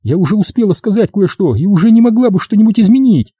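A man voicing a frightened, defensive widow who pleads in a shrill, panicky way in an audiobook. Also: lively intonation, fast, mellow, breathy edge, dry recording. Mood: pleading.

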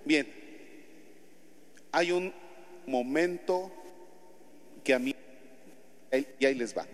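A priest with a Mexican Spanish accent preaching a homily in a church, telling stories with lively acted-out scenes. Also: male voice, medium pitch, takes it slowly. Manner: animated storytelling, acts out scenes. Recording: long church reverb.

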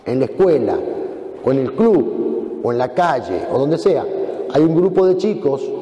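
Argentine priest preaching in an echoey church. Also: male voice, a little slow, highs cut off. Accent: Argentine, from Mendoza. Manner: animated, acts out dialogue in shifting pitch. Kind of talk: sermon to children. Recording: echoey church with long reverb.

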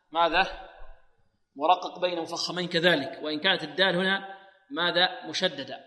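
A man teaching tajweed, who slows into long drawn-out recitation of verses and answers his own questions to students. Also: high-pitched, fairly bright tone. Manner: asks students questions and answers them himself. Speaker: Quran recitation teacher and presenter. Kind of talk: tajweed lesson with recited examples. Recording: long reverb, voice distant from the mic.

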